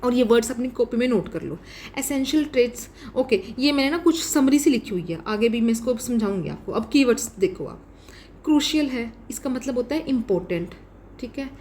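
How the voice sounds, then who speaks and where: A woman's voice: fairly high pitch, expressive, a little fast, a little mellow, slight background noise. A young adult woman with an Indian English accent teaching exam vocabulary in a casual lesson, explaining each word with examples and checking in with the listener. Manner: explains vocabulary with examples, frequent "ठीक है" fillers.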